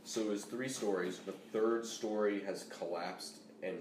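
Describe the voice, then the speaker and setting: A man's voice: on the low side, fairly even intonation, measured pace, a little mellow. A man playing a tabletop game, earnestly explaining details of his character. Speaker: player. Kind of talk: casual game chat. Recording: noisy echoey room.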